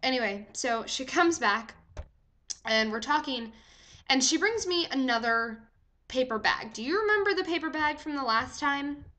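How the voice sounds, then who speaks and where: Bright, chatty young woman vlogger. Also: high voice, moderate pace. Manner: chatty, animated, full of "like" fillers. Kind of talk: storytime vlog.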